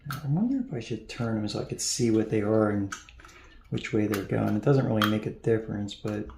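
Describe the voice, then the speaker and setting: Lowish and lively in intonation, with vocal fry, this man talks fairly quickly while repairing electronics at home. His workbench narration is casual, mumbled and thought out loud. Echo and loud background noise mark the recording.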